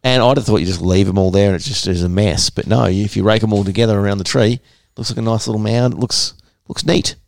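A man's voice: fairly low pitch, fast talker, gravelly, hardly any pauses. A man with an Australian accent co-hosting a podcast in casual, slangy banter, often joking. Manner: joking, slangy Aussie bloke. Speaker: podcast co-host.

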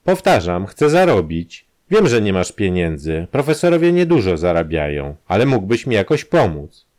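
A man voicing a brash safecracker who blackmails an old acquaintance, talking in a loud, taunting, pushy way. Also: sits low, sing-song, moderate pace.

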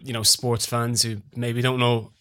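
A man's voice: medium pitch, little pitch movement, measured pace, pushed and bright. A man with an Irish accent chatting casually as a panellist on a sports podcast.

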